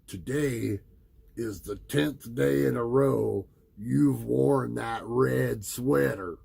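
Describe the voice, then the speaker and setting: A man's voice: medium pitch, slow, vocal fry, mellow, husky, heavily acted. A man voicing a taunting schoolboy bully while reading a storybook to a young child.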